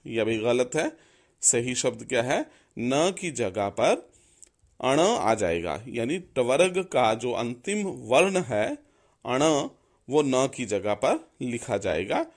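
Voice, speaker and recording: Slow, patient male Hindi teacher. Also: mid-range voice. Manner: slow, patient, spelling words out step by step. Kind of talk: explaining a Hindi grammar lesson.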